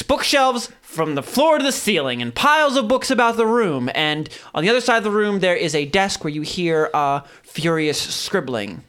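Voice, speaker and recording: Bright-voiced male game master, very lively. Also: sits high, clean tone. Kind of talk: improvised tabletop game narration.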